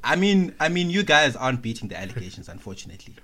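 A man from Zimbabwe co-hosting a podcast, teasing the others in a dry, measured way. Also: mid-range voice, big pitch swings, bright, forceful tone. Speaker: podcast co-host. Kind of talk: casual podcast chat.

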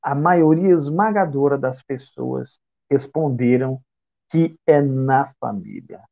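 A man's voice: mid-range voice, slow, creaky, highs cut off. Brazilian man giving a reflective talk. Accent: Brazilian Portuguese. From São Paulo state, Brazil. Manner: reflective, rhetorical questions. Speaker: spiritist speaker. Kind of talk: lecture.

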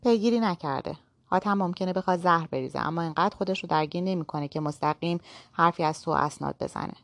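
A woman's voice: on the low side, vocal fry, dry recording. A woman voicing a curt, irritable man who gives blunt, impatient replies in a read-aloud story. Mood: taunting.

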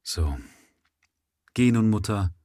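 A man voicing an exhausted young factory worker who speaks softly, calmly and without passion. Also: lowish voice, slow pace, no echo, studio quality. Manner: calm, soft and passionless.

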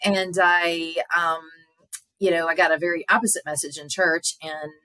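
A woman speaking as a therapist guest, earnest and halting with many filler pauses. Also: lowish voice, fairly even intonation, bright, forceful tone, no room sound. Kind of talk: casual interview talk.

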